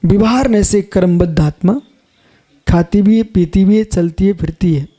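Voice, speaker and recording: High-voiced Jain monk preaching. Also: male voice, moderate pace, warm tone. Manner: emphatic, repeats phrases, questions listeners directly. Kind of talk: sermon.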